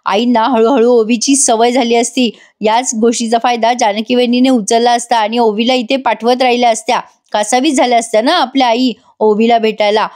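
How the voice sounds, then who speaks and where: A woman reading a scheming, sharp-tongued young wife. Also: a little high, steady tone, fairly quick, few pauses, lightly acted. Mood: persuasive.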